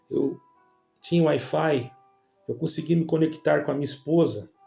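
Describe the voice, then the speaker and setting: Speaking with a Brazilian Portuguese accent, a church member shares his religious testimony in a rambling storytelling style, addressing listeners as brothers. His man's voice is on the high side, creaky and mellow.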